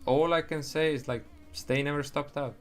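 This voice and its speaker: On a livestream, a young trader whose native language is Estonian chats casually, rambling, cursing and starting sentences over. His voice sits on the high side with fairly even intonation and a moderate pace, and faint music plays behind him.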